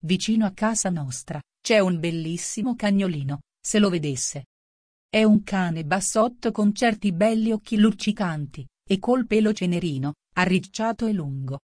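A woman's voice: mid-range voice, expressive, normal speed, darkish tone, dry recording, clean studio sound, natural voice. A woman voicing a polite, curious little girl in a storybook reading, coaxing and chatty.

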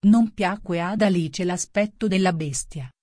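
A woman reading a classic children's tale aloud as narrator, steady and measured. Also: on the low side, no echo, clean studio sound.

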